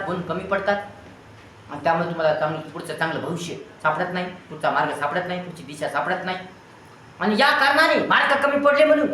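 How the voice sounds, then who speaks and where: A man's voice: sits high, sharp tone, a little hiss or hum. A man teaching, giving students an earnest motivational talk in long repeated lists of advice. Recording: very echoey room with faint ambience.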